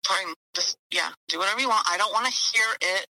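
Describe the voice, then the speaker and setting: A woman's voice: medium pitch, a little fast, sharp tone, dry recording, rough recording. A woman heard over a speakerphone, the host's sister, teasing bluntly and swearing in a casual family call. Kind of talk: casual family phone chat.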